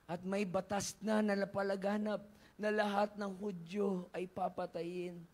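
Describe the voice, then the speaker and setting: A man's voice: sits high, flat delivery, unhurried. A preacher acting out a nervous young queen pleading with her king. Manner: anxious, pleading.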